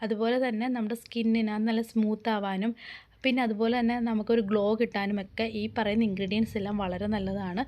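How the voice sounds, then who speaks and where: Hoarse woman from Kerala, mid-pitched, chatty home-tutorial delivery, patient step-by-step explaining. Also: darkish tone. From Kerala, India. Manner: chatty, explains step by step, often adds reassuring tags. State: hoarse from a cough. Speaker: home remedy vlogger.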